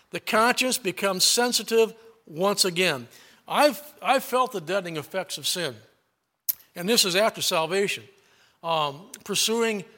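A man's voice: high voice, sharp tone. A middle-aged man preaching a sermon, telling a personal story in a folksy way and reading scripture aloud.

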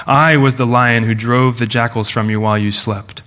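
Man voicing a majestic lion, deep and low, calm, unhurried storybook voice. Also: close to an everyday voice. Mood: solemn.

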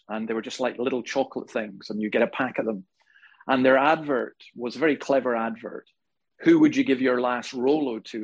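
A man preaching a sermon to a congregation, telling stories with humor and animated emphasis. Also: mid-range voice, slightly rough, rough recording. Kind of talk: sermon with storytelling. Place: church hall before a live congregation.

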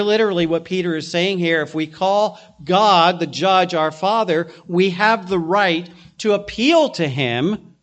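A man in middle age delivers a sermon with a noticeably high pitch for a man. He explains his text earnestly and patiently, often stopping to restart a phrase before pressing on. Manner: earnest expository preaching with frequent restarts. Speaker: pastor.

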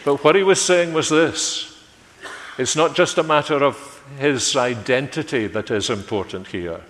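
Man preaching slow and measured, phrases dropping off soft at the end, big church echo hanging after each line. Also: medium pitch. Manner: measured, lets phrases fall away quietly at their ends. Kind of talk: sermon. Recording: long hall reverb.

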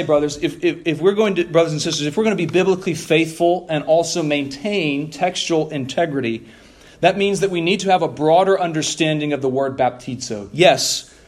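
A man preaching an expository sermon, reading scripture aloud and teaching deliberately with rhetorical questions. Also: on the high side.

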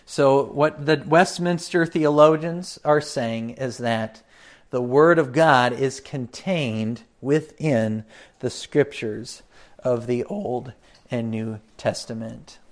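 A pastor giving a catechism teaching talk, unhurried, with frequent fillers and asides to his listeners. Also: mid-range voice.

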